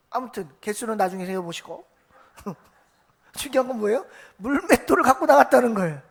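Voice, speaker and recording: A woman pastor preaching a Sunday sermon in a church, putting questions to the congregation and answering them herself, and acting out the voices of the people in the story. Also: a little high. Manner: acts out quoted voices of biblical figures. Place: church sanctuary.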